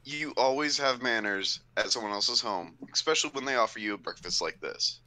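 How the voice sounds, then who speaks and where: A man playing a tabletop role-playing game, talking in animated, emphatic banter. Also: mid-range voice, fairly quick. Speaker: player.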